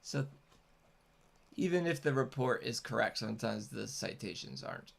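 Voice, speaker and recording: Very creaky-voiced man rambling casually. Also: mid-range voice, animated, moderate pace. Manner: rambling, hesitant. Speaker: host, content creator. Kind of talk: casual unscripted chat.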